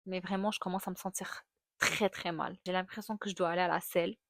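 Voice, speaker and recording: A young woman, casually telling a candid personal story to her viewers, animated and full of fillers. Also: fairly low pitch, fast, noisy background. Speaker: vlogger.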